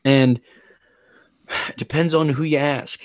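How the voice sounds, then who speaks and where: A man's voice: a little high, fairly even intonation, slow, no room sound. Male co-host, heated ranting delivery, dull lo-fi dry recording. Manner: heated, ranting, repeats words for emphasis. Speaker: podcast co-host. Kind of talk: heated opinion talk.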